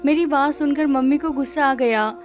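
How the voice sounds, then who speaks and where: A woman reading a scripted first-person story in a steady, measured way. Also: high voice, soft background music.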